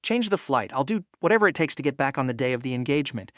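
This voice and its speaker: A man's voice: mid-range voice, lively intonation, fast talker, no room sound, natural voice. A man reading the lines of a cold, commanding young woman CEO in a storybook recap, clipped and curt.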